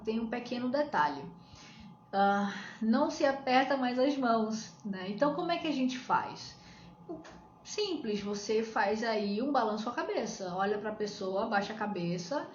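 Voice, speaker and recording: Brazilian woman coaching with rhetorical questions. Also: a little high. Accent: Brazilian Portuguese. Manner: explains step by step with rhetorical questions. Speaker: coach on shyness. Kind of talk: live-stream advice talk. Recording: echoey room, dull lo-fi sound, faint hiss.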